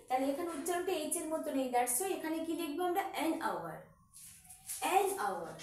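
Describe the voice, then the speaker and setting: A woman teacher speaks with a Bengali accent in a high, animated voice that swings up and down. She works through examples one by one, repeating them and asking her pupils questions. Her voice rings in an echoey room, picked up from a distance. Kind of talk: classroom grammar lesson.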